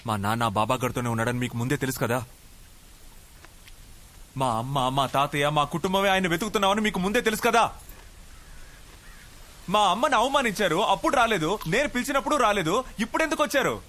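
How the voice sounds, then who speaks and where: A fiery, stubborn young son in a dubbed film, his voice set high and bright and edged with heat. He presses every point insistently, refusing to back down. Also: fairly quick, long pauses. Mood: angry, bitter. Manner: heated, insistent arguing. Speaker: film character, a grown son.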